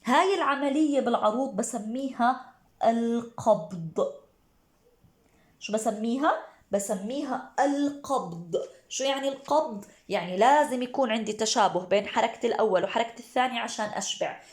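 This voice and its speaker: A woman teacher with a Levantine Arabic accent, explaining poetic meter to exam students. She asks and answers her own questions and chants syllables slowly. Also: fairly high pitch, echoey room.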